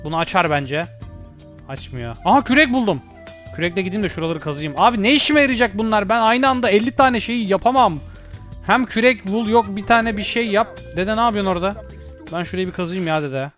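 A young man playing an escape game, chatting to himself and yelling when he gets chased. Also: sits high, a little fast. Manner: excitable, yells and shrieks when chased; talks to himself and to game characters. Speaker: gaming YouTuber. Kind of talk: playing a horror escape game live, casual chat. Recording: faint game music behind.

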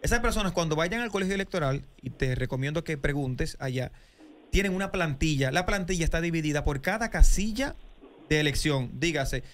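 A man's voice: on the high side, lively intonation, a little fast. A man explaining voting rules on a radio show in a studio, upbeat and explanatory. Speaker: guest explaining election rules. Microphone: studio mic with headphones.

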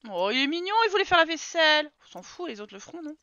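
A woman's voice: sits high, very animated, quick pace, pushed and bright, no room sound. A young woman from France chatting casually over gameplay, teasing the characters she controls. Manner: chatty, teasing, talks to her game characters. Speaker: streamer. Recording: dull lo-fi sound with game music behind.

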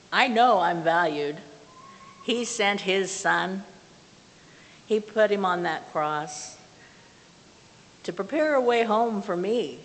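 A woman's voice: medium pitch, a bit bright. An older woman giving an earnest, plainspoken testimony and prayer from a pulpit in a small church, recorded from the back of the room. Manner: earnest, plainspoken, with slow measured phrasing. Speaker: lay speaker giving a testimony. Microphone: far camera from the back of the room. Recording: reverberant church hall with faint hiss.

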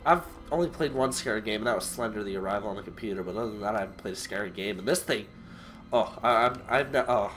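This gaming channel host, a young man, talks fast in a lowish, slightly bright voice that sounds stuffy and sick through his headset mic. His horror game commentary is nervous and jittery, full of yelps and laughs, with game music underneath.

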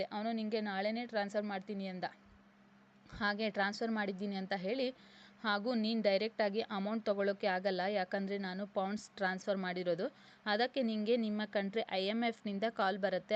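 A woman's voice: mid-range voice, level tone, brisk, close to an everyday voice. A woman voicing a distressed young office worker. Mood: explaining. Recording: slightly dull lo-fi recording.

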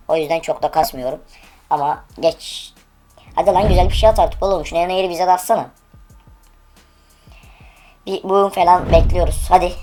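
Low-voiced woman ranting over a game. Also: a little mellow. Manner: impatient, profane, urging the game aloud. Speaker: online case-opening streamer. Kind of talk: live gaming commentary.

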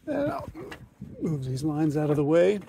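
A man who sells yachts, walking through a docked sailboat and describing it in a casual, unhurried way, often pausing with ums and uhs as he points things out. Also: a little high, creaky, a little hiss or hum. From United States. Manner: relaxed, thinks aloud with frequent ums and uhs. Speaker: yacht salesman giving a boat tour. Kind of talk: casual walkthrough narration. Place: aboard a docked sailboat, outdoors then in the cabin.

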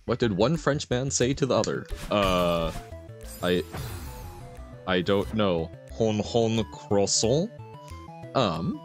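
A man livestreaming a game and chatting with viewers, chirpy and playful, with little sound words and exclamations. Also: mid-range voice. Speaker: live streamer. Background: game music.

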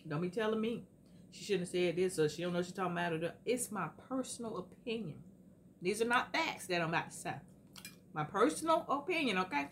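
Low-voiced woman talking while eating. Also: lively intonation, brisk, a little hiss or hum. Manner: blunt, folksy, talks straight to viewers. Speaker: vlogger. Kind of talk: casual mukbang chat.

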